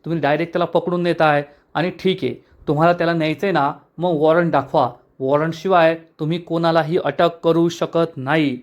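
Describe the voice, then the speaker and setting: A man reading a calm, insistent young husband. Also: on the high side, brisk, hardly any pauses, dull audio, close to an everyday voice. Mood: firm. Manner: polite but insistent questioning. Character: calm, firm young husband arguing his rights.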